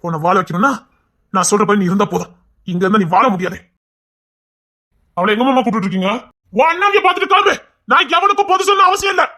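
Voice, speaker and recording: A woman's voice: high voice, bright, forceful tone. A woman voicing a hot-tempered middle-aged man, a maternal uncle who blusters, threatens and boasts about his family line in an audio family drama. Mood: scolding.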